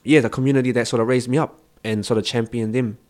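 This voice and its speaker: A young man with a New Zealand accent, a choreographer talking in a relaxed, reflective way in an interview. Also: mid-range voice, quick pace.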